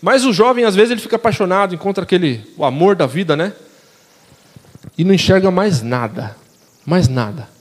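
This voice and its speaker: A man's voice: high voice, lively intonation, a little fast, big-room sound. A young man with a Brazilian Portuguese accent preaching a casual sermon, chatting with the congregation, slangy and asking them questions. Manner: conversational, slangy, asks the audience questions. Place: church hall.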